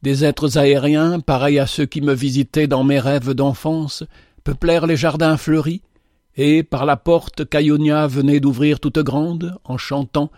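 A man narrating a literary story in a measured, dramatic storytelling manner. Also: fairly high pitch, fairly even intonation, a little mellow, dry recording, studio quality.

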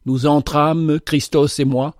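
A man narrating a literary story in a measured, dramatic storytelling manner. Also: a little high, level tone, a little mellow, dry recording, studio quality.

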